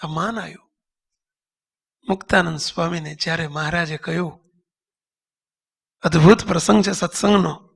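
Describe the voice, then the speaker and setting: A man preaching a devotional sermon, telling a story with voiced characters and slowly sung verses. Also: on the high side, fairly even intonation, gravelly, husky. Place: temple congregation.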